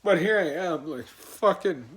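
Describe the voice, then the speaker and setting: A man's voice: fairly high pitch, lively intonation, measured pace, fairly bright tone. A man in a casual video blog, venting about his day in a profane, rambling, heated way. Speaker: vlogger.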